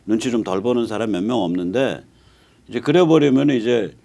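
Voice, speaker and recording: A man's voice: mid-range voice, fairly quick, creaky, warm tone. A man in his sixties hosting a political talk show who often cuts in and stammers at the start of his phrases. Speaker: host.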